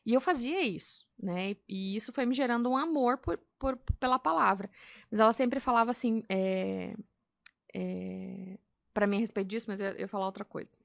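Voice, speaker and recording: A Brazilian woman guest telling her faith story in casual chat, acting out quoted dialogue with animated delivery. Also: medium pitch, normal speed, vocal fry, dry recording. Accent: Brazilian Portuguese. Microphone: podcast mic.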